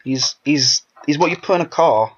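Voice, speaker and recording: A man's voice: on the high side, moderate pace. Rambling man commentating a game. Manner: rambling, self-interrupting chatter. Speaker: let's play host. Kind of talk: casual gameplay commentary. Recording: dull lo-fi recording.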